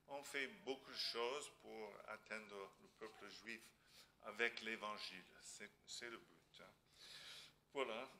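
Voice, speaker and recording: A man with a foreign accent in French, a non-native speaker preaching a church sermon haltingly, searching for words and adding little tag questions. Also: on the low side, sharp tone, slight background noise. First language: not French. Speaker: visiting missionary preacher.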